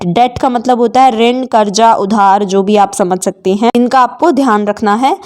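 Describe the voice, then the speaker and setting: A woman giving a spoken vocabulary lesson, slowly spelling out words letter by letter and repeating each one twice. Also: a little high, darkish tone. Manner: slow, careful, repeats each word twice. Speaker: English teacher.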